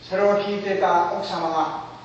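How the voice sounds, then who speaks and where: A man with a high, light voice gives a dramatic, formal storytelling speech, pausing for effect. He is picked up from far off in a large hall, with long reverb ringing around him. The sound is a little dull and muffled. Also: fairly even intonation, a little hiss or hum. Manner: formal oratorical phrasing, emotive pauses. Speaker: speaker.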